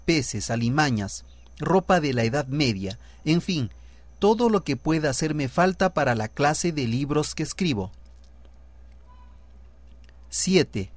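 A man from reads a script of numbered advice for writers, working through long lists item by item. His delivery is unhurried and deliberate, and his voice sits a little higher than most men's. The sound is close and dry, with no room echo. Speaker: writer giving writing tips. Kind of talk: scripted reading of numbered tips.

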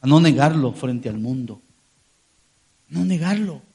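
A man's voice: a little high, a little slow, gravelly, slightly rough. A man preaching a sermon as pastor, talking straight to the congregation and acting out the voices of the people he quotes. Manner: lively, talks to the congregation, acts out quoted voices.

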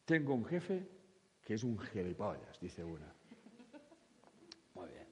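A spiritual speaker gives a humorous talk to an audience, lively and full of crude jokes as he acts out quoted voices. His voice is on the low side and he takes it slowly, with a big-room sound.

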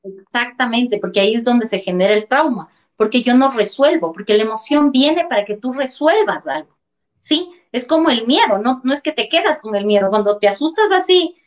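A woman's voice: fairly high pitch, expressive, normal speed. A woman, a talk-show guest earnestly explaining, often checking in with rhetorical questions. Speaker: guest speaker on emotions and trauma. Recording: dull lo-fi sound.

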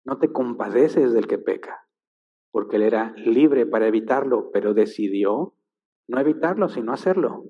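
A man's voice: mid-range voice, expressive, moderate pace. A man preaching a sermon, emphatic and full of rhetorical questions. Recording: long-reverb hall, dull lo-fi sound.

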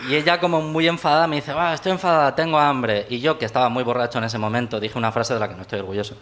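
On stage at a live theater show with an audience, a man from the crowd tells an embarrassing story about himself, laughing at his own expense. His medium-pitched, slightly bright voice stays steady while he talks very fast.

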